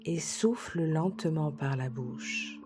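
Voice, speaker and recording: Soft-spoken low woman guiding relaxation. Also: noisy background. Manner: soft, slow, soothing guidance, drops to a whisper at times. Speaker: sophrologist guiding a session. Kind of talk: guided relaxation session. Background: soft background music.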